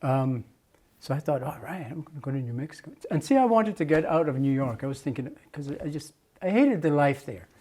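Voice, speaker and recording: A man's voice: fairly high pitch, expressive, a little fast, hardly any pauses, mellow. An older man from Jamaica, a muralist, recalling his past at length in an oral history interview, with many restarts and fillers.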